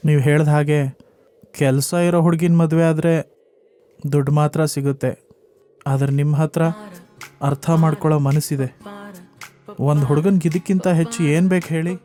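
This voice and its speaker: A man's voice: on the high side, steady tone, moderate pace, long pauses, dark tone, faint music behind, natural voice. A man playing a pleading lovesick young man. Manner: pleading, repetitive. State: crying. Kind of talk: web series drama.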